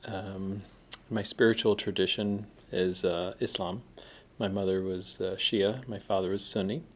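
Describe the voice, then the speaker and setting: Brief: man, lowish voice, from New York State, reflective interview answer. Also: steady tone. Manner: thoughtful, with pauses and fillers. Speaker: fellow sharing his experience.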